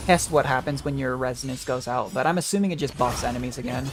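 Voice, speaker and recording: A game streamer gives casual gameplay commentary, rambling and thinking aloud in a medium-pitched voice and talking fast. Video game music plays behind him.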